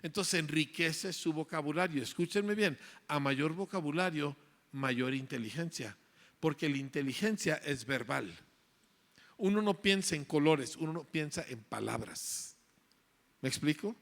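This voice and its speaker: A man with a fairly high, slightly bright voice lectures parents and teachers in an animated, unhurried way. He hammers his points home emphatically, repeating phrases and tossing in frequent tag questions like "¿verdad?"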